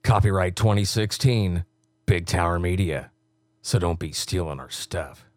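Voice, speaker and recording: Deep-voiced man cutting radio promos. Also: a little slow, a little mellow, no echo. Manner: deep announcer read on takes, loose and laughing between them. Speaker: radio voice-over talent recording station liners. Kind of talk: recording radio imaging promos and chatting between takes.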